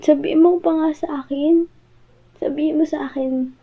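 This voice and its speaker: A woman with a Filipino accent playing a hurt, jealous girlfriend in an audio role-play, pleading and halting as she confronts her partner. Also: high-pitched, steady tone. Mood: pleading, insecure. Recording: muffled, phone-like audio.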